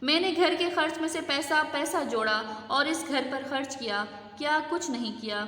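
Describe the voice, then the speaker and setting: A woman's voice: high-pitched, fairly bright tone, voice pushed up. A woman teacher voicing an aggrieved, tearful middle-aged housewife who complains shrilly, read aloud in an echoey room.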